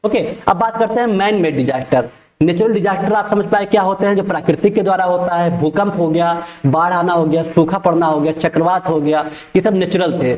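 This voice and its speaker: A male teacher giving an exam-prep lecture who explains each point twice and reads English definitions slowly. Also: high-pitched, a little mellow, reverberant.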